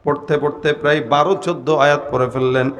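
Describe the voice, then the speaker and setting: A man's voice: on the high side, little pitch movement, brisk, slight background noise. Dramatic preacher man in echoing hall. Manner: dramatic, swings between loud chanting and hushed retelling. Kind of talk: Bengali waz sermon storytelling. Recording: long hall reverb.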